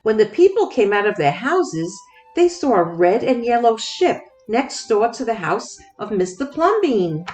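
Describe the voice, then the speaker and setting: A woman narrating a children's storybook expressively, with deliberate, dramatic phrasing. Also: a little high, big pitch swings, a little mellow, faint music behind. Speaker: children's book read-aloud host.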